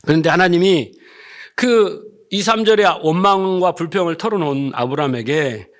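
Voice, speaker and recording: A man's voice: on the high side, moderate pace. A man preaching as pastor who keeps asking the congregation questions and acts out quoted speech. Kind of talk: sermon.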